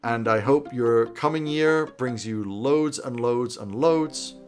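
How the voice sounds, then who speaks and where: Speaking slowly in a mid-range voice, a man in his thirties delivers opinionated, emphatic advice in a conversational style to camera. He hosts a tabletop roleplaying video channel and records in a small home office, with music in the background.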